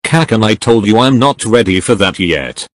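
A man voicing a gentle, flustered young man protesting in a fan comic reading. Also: on the low side, lively intonation, moderate pace, no room sound, natural voice. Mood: upset.

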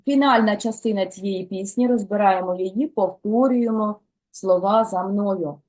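A woman teaching a French lesson who explains song lyrics and slowly models pronunciation for the learners to repeat. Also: mid-range voice, darkish tone.

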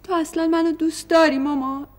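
A woman's voice: high voice, steady tone, darkish tone, lightly acted. An actress playing a frightened young wife in a televised stage drama, telling her mother about her nightmares with an anxious, pleading manner. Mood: troubled. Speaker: daughter.

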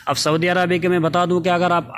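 A man's voice: high-pitched, little pitch movement, fast talker, a bit bright, slight background noise. Chatty man with a raised voice. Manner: chatty, frequent filler "theek hai" and "doston". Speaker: vlogger showing his supermarket job. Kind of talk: casual walk-through vlog. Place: supermarket aisles, indoors.

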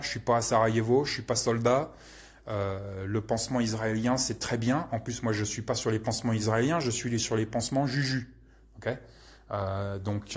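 A man hosting a casual live question-and-answer session, rambling with many hesitations and crude slang. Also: mid-range voice. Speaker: channel host answering viewer questions.

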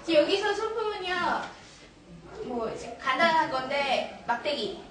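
Animated woman teacher trainer. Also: high voice, a little slow, distant mic. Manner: animated, laughing, mixing English into Korean. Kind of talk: classroom storytelling workshop. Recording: echoey room, recorded from afar, noisy.

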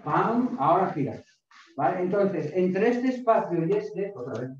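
A man's voice: sits high, animated, unhurried. A middle-aged man instructing a karate class, barking counts and short drill commands like a gym coach. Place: small home dojo with mats, indoors. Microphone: far camera across the room. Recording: distant echoey dull room recording, faint noise.

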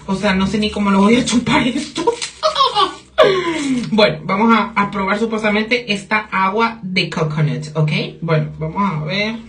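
A woman's voice: medium pitch, normal speed, hardly any pauses, a bit bright, slight background noise. Giggly young woman vlogger. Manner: giggly, gossipy, swears freely, slips in English phrases. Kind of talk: casual storytime vlog.

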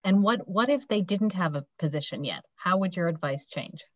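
Lowish woman moderator on a video call, dull muffled sound. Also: normal speed. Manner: steady, asks clear questions.

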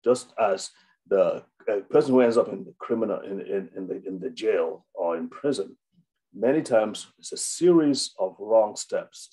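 A man's voice: lowish voice, mellow, husky, poor audio. A man, a doctor, giving an unscripted health webinar, with many fillers and restarts. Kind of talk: informal health talk.

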